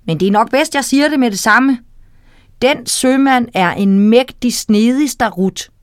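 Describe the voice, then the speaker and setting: A small, clever fish from a children's storybook, calm and sure of itself as it gives advice. A woman reading aloud puts it on, in a slightly high voice. The sound is close and dry. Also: smooth, dry recording, natural voice. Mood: knowing. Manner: knowing, advising.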